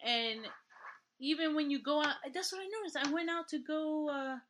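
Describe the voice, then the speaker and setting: A woman from New York, co-hosting a casual chat, animated and quick to launch into a rant between laughs. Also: high voice, a little hiss or hum.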